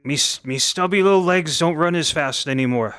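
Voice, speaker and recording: A man voicing a gruff, busy old male dwarf through a voice changer, grumbling in a loud, bustling way. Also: fairly high pitch, fairly quick, no echo.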